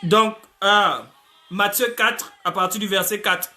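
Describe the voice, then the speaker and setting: A man's voice: high voice, fairly even intonation, slow, sharp tone, soft background music. A man preaching a sermon as pastor, from Gabon, dropping frequent hallelujahs as he talks. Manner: preaching, peppered with frequent "alléluia" interjections. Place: church in the United States.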